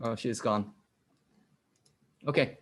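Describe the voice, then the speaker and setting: A man's voice: mid-range voice, a bit bright. Man giving an interactive online lecture. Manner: quizzes the audience, repeats statements slowly. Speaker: guest lecturer. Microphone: video call.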